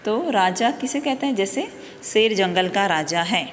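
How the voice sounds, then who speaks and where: A woman's voice: mid-range voice, animated, unhurried, long reverb tail, a little hiss or hum. A woman teacher patiently explaining a worksheet to young children, asking questions and answering them herself, often checking in with "okay".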